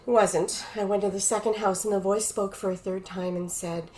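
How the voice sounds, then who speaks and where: A woman's voice: medium pitch, fairly even intonation, normal speed, darkish tone, poor audio. A middle-aged woman from Canada, a podcast guest telling a personal story vividly and acting out quoted dialogue.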